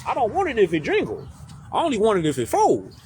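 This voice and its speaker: Casual host, high animated voice, preachy and slangy. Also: male voice, quick pace, a little hiss or hum. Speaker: social media commentator. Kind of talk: casual live-stream talk, reading definitions aloud.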